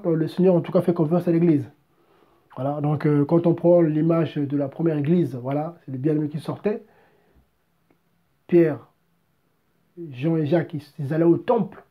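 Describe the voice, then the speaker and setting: A man's voice: on the high side, dull audio. A French-accented man preaching a live-streamed sermon, exhorting and repetitive, rising to emphatic peaks. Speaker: pastor.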